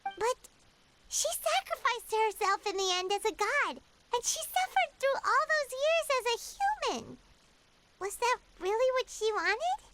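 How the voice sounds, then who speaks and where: Paimon, a squeaky little fairy. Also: female voice, sing-song, very noisy, full character voice. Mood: wistful. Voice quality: very high, squeaky childlike voice. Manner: chatty, fretful, quick to react. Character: tiny floating female fairy companion, chatty and excitable. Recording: game dialogue with loud music behind.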